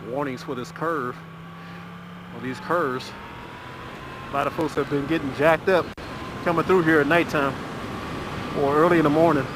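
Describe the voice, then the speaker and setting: A middle-aged man, chatting casually while riding a motorcycle. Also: a little high. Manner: relaxed, chatty, drawn-out filler pauses. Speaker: motovlogger. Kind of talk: casual ride commentary. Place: riding a motorcycle on a rural road. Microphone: helmet mic. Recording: wind and engine noise from a motorcycle helmet mic. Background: motorcycle engine and road noise.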